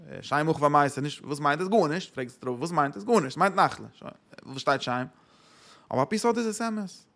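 A man's voice: on the high side, lively intonation, fairly quick, vocal fry, a bit bright. A man giving a Torah lecture, asking rhetorical questions and answering them, with English words mixed in.

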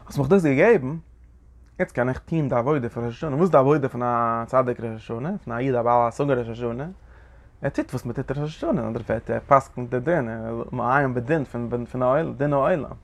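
A man teaching a Zohar lesson in an animated lecturing way, often asking his listeners short questions. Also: mid-range voice, quick pace, gravelly. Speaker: Torah teacher.

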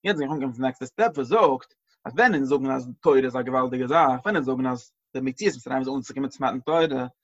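A man teaching a religious lesson, halting and repeating phrases and mixing in English words. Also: medium pitch. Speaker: Torah teacher. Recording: dull lo-fi recording.

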